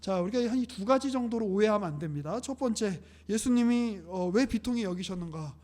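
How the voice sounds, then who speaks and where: A man's voice: high voice, expressive, fairly quick, darkish tone. A young man preaching a casual live-streamed sermon, chatty and joking, often laughing. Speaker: pastor.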